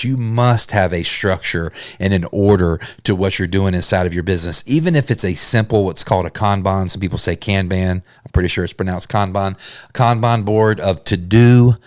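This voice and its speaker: A man's voice: low-pitched, a little mellow, no room sound, clean studio sound. A man hosting a solo business podcast, talking in an earnest, conversational way and sometimes restarting his sentences. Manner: earnest, conversational, with self-corrections. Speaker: podcast host.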